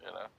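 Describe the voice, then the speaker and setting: A man's voice: pushed and bright, poor audio. A man with a New York accent hosting a casual chat, laid-back and joking, stretching words for emphasis. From United States. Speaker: host.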